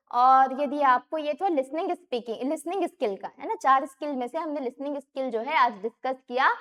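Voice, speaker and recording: High-voiced woman teaching exam prep. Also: a bit bright. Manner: explains, repeats terms, asks and answers own questions; reads English questions slowly, then explains in Hindi.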